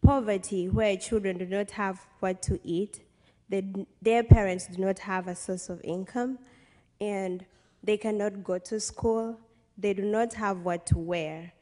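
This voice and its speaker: A young college student from western Uganda, speaking with a Ugandan accent, gives an earnest, emphatic personal speech from a podium on a stage in a large hall. Her medium-pitched voice is mellow, with fairly even intonation and a measured pace. The podium microphone and PA leave a long hall reverb.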